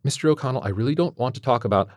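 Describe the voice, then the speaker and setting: A man puts on a prim female kindergarten teacher in an audiobook, her voice lifted well above his own deep register. She talks down sweetly, preachy and passive-aggressive, recorded close and dry. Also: animated, racing, no echo, lightly acted. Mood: condescending. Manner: condescending, sugary, preachy. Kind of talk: audiobook character voice.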